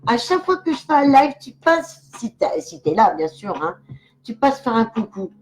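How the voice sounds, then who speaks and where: A woman's voice: a little high, very animated, moderate pace, darkish tone, poor audio. An older woman, a clairvoyant medium, chatting casually and giggling as she talks straight to the viewers of her live stream.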